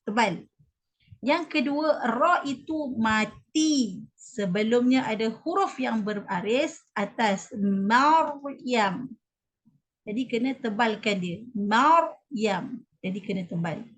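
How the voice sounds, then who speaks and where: A woman with a Malaysian Malay accent teaching pronunciation rules in a mosque class, explaining step by step and checking often with "okey?". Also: a little high. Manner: explanatory, repeats key points, checks with "okey?". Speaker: Quran recitation teacher.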